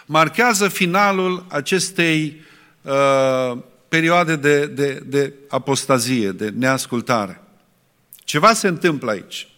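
A man preaching a sermon, asking rhetorical questions and pausing often to restart. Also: medium pitch, expressive, bright, forceful tone. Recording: long reverb in a hall.

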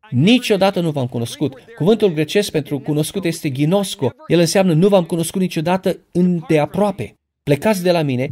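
A man preaching a sermon, speaking directly to his listeners with questions and building to loud, emphatic peaks. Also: a little high. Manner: emphatic, rises to loud passionate peaks when quoting; addresses the congregation directly with questions.

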